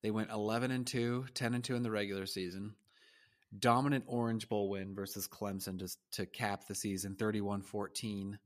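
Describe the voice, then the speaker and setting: A man's voice: fairly low pitch, flat delivery, moderate pace. A man co-hosting a casual sports chat, running through records in a dry, matter-of-fact way. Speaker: co-host.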